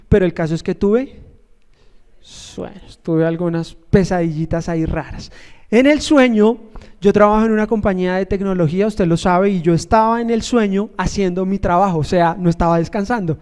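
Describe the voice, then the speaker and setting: A man's voice: sits high, darkish tone, smooth. A man, a pastor, preaching a sermon in a conversational storytelling way, joking and asking the congregation questions.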